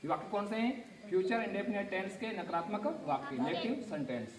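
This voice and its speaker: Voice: medium pitch, animated, quick pace. A teacher giving a grammar lesson, spelling words out letter by letter and asking the class questions. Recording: echoey classroom from far off. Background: class of students answering.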